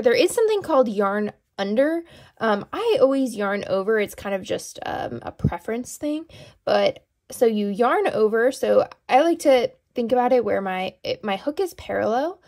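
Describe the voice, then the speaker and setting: A young woman teaching crochet in a casual, chatty way, with many ums and self-corrections as she demonstrates. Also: medium pitch.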